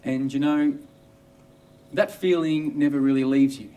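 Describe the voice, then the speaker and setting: A man's voice: on the high side, steady tone, measured pace, mellow, far from the mic. An Australian man, an obstetrician, telling a first-person story with wry, dry humour.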